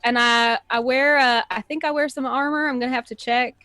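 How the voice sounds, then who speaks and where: A woman at a tabletop game table describes her character. Her talk is chirpy and rambling and thick with fillers. Her voice is slightly high, and the sound is dry and close. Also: steady tone, brisk, sharp tone, clean tone, no echo. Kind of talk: casual role-play character description.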